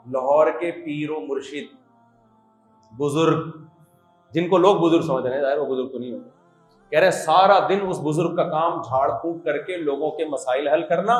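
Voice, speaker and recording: Joking man preaching in an echoey hall. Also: a little high. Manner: storytelling, jokey asides, quoting voices. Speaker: religious scholar giving a talk. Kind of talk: humorous religious lecture. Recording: echoey hall, faint music.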